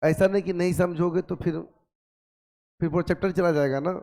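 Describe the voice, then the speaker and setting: Physics teacher with a sore throat. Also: male voice, sits high, steady tone, brisk, vocal fry. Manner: coaxing, scolding students gently, repeats questions. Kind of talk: classroom lecture. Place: classroom.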